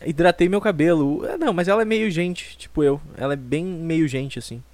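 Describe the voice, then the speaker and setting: A young Brazilian man in his twenties hosts a solo comic podcast, rambling, mocking himself and swearing as he sits close to the mic. His voice sits on the high side, brisk and a little mellow, in a dry recording.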